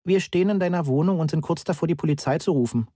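Guy putting on a tense mom voice, icily polite and clipped, kinda husky. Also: a little high, fast, warm tone, no echo, clean studio sound, pitched above the performer's own voice, natural voice. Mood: coldly controlled. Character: tightly controlled worried middle-aged mother.

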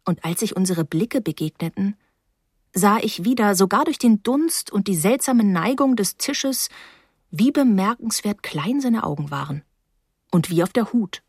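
A woman reading a first-person novel aloud in a steady, expressive storytelling manner. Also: medium pitch, unhurried, slightly rough, dry recording, studio quality. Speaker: audiobook narrator.

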